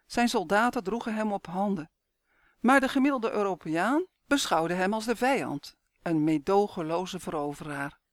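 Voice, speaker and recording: A man reading the lines of a gruff, matter-of-fact father in a story. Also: high voice, animated, normal speed, no echo, studio quality. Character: gruff, dry-humoured father.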